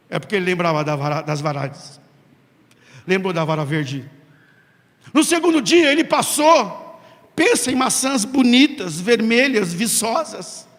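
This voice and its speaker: A man preaching a sermon, telling a story with dramatic pauses and acted-out quotes. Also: very high voice, a bit bright. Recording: long hall reverb.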